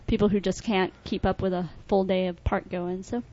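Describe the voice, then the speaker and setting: A woman's voice: mid-range voice, steady tone, moderate pace, mellow. A woman co-hosting a podcast, chatting casually and musing aloud. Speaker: podcast co-host. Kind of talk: casual chat. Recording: dull lo-fi podcast audio.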